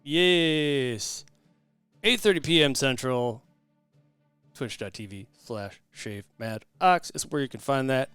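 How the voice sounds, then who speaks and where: A man's voice: mid-range voice, takes it slowly, fairly bright tone, clear, resonant tone, no echo, faint music behind. A man hosting a casual podcast, laughing often and talking loosely with restarts. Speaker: podcast host.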